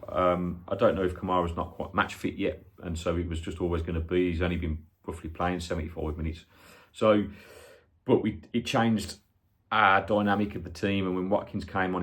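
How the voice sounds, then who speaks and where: A man in his forties with a Birmingham accent, chatting casually and a little hesitantly to viewers as a football fan vlogger. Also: deep voice. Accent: Birmingham (Brummie). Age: 40s. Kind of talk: casual chat to viewers, match preview.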